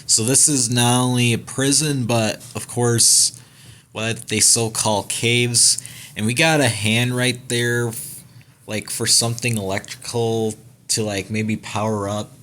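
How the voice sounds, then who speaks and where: A man's voice: medium pitch, fairly even intonation, unhurried, fairly bright tone, a little hiss or hum. A young man hosting a gaming channel, giving a casual, rambling trailer breakdown with many fillers, restarts and casual swearing.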